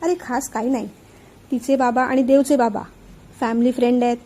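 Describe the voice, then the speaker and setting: A nervous, evasive uncle fumbles for excuses, as a woman storyteller reads his part. The voice is mellow and high, in a read-aloud family story. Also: level tone, fairly quick, close to an everyday voice. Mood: flustered. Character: flustered, evasive middle-aged uncle.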